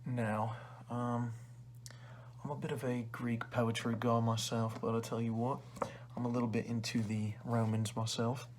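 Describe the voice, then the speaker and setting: A condescending male librarian , acted out by a man, in a soft ASMR ASMR role-play. He has a chummy yet rude salesman's patter and an average-pitched voice. There is some noise and clicking in the recording. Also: little pitch movement, measured pace, natural voice. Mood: casual, pitching. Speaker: ASMR performer.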